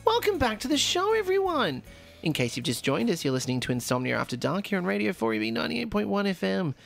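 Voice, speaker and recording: A man's voice: wildly swooping pitch, quick pace, gravelly, a bit bright, soft background music, exaggerated voice. A male podcast host, putting on a lilting AM radio announcer voice. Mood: chirpy. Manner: put-on radio-host sing-song, raised pitch.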